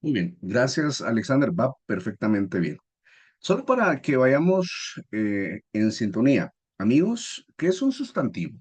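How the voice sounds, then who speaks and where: Husky guy teaching a class, voice jumps up and down a lot, patient, keeps asking the students stuff. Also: medium pitch, wildly swooping pitch, unhurried, darkish tone. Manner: explaining patiently, asks the class questions. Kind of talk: classroom lesson.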